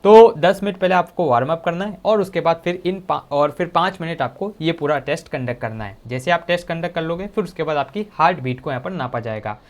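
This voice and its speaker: Explaining exam answers step by step, a male teacher with a somewhat high voice speaks a little fast with few pauses. His tone with students is casual and direct, often calling them "bhai sahab", and he uses lots of English technical terms in this exam-prep lesson.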